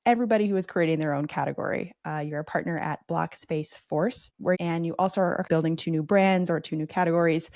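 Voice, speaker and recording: A woman's voice: sits low, quick pace, few pauses, darkish tone, no room sound, clean studio sound. A woman hosting a podcast, introducing her guest and asking questions in an upbeat, enthusiastic way. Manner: upbeat, enthusiastic, many "super" and "right?". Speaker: podcast host.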